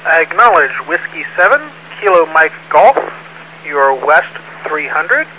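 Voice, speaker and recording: A man acting as net control on a two-way radio, reading out check-ins in a formal, measured, procedural way. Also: a little high, lively intonation. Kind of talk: procedural radio check-in, call signs in phonetic alphabet. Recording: muffled, noisy amateur radio transmission.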